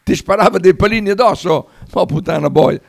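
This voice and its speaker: A man's voice: high voice, brisk, creaky. A man with a Bolognese Italian accent bantering casually as a radio co-host, using dialect expressions and swear words.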